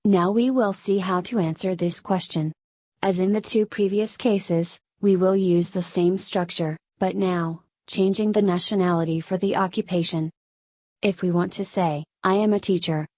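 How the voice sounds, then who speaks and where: A Spanish woman, a native Spanish speaker, explaining Korean grammar in English with a Spanish accent, in steady step-by-step scripted narration. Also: on the low side, moderate pace, no echo. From Spain. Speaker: Korean language teacher.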